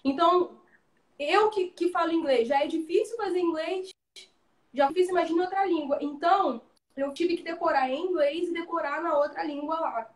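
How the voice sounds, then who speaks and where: A woman's voice: very high-pitched, moderate pace. A Brazilian woman, a guest actress, telling stories animatedly in a casual live chat over a video call. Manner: animated storytelling, slangy. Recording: roomy echo.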